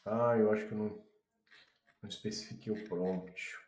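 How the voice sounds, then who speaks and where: A man with a Brazilian Portuguese accent, casually walking viewers through a software demo and thinking aloud as he clicks. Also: fairly low pitch, steady tone, normal speed. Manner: chatty, addresses viewers as a group, thinks aloud. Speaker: tutorial presenter. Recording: roomy echo.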